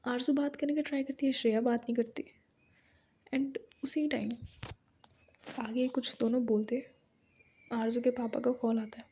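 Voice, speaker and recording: A woman's voice: a little high, flat delivery, moderate pace, pauses often, dark tone, slight background noise. A young woman casually narrating an audio story in a chatty, conversational way with lots of fillers.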